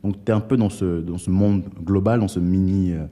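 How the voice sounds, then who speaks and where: A man's voice: deep voice, steady tone, moderate pace, mellow. A young man from Togo hosting an interview, speaking casually with frequent fillers and restarts. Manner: hesitant, many fillers and restarts. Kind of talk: conversational interview.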